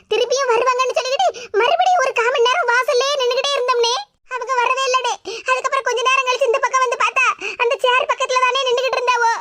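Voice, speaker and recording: A woman's voice: very high voice, pushed and bright, a little hiss or hum. A woman voicing a young village woman in a cartoon, an anxious, pleading sister speaking with a Tirunelveli Tamil accent. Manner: pleading, repeatedly calling out.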